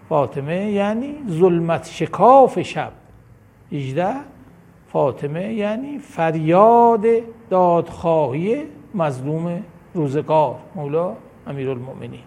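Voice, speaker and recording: A man's voice: fairly high pitch, darkish tone. A man giving a devotional lecture, reading a numbered list of points in a declamatory way that rises on each number. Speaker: religious lecturer.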